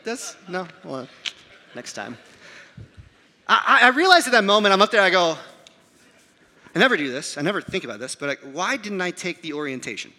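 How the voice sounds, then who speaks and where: A man in his thirties delivers a sermon as a lively, self-deprecating story, acting out the voices of the people in it. His voice sits high and sounds very bright and forceful. It rings out through a large hall with a long reverb. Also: brisk, long pauses. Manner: animated, self-mocking storyteller who acts out voices. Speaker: pastor.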